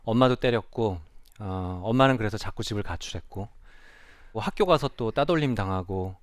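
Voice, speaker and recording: A man's voice: lowish voice, expressive, moderate pace, no room sound, clean studio sound. A man who is a child and adolescent psychiatrist, giving a reflective, earnest public talk on stage and asking the audience questions. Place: stage before a live audience.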